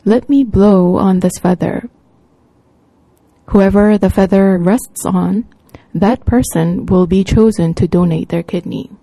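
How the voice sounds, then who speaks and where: An anxious senior pastor played by a woman preacher pleads earnestly with his flock, halting over his words. The tone is mellow and soft. The sound is dry and close. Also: medium pitch, vocal fry, no room sound. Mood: solemn.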